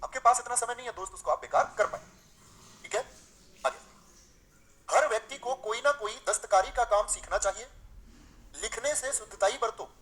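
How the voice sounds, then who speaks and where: Over a rough recording, a man with a very high, slightly bright voice teaches a live online grammar class. He poses rhetorical questions to his students, whom he calls dear friends, and slowly reads example sentences aloud before correcting them.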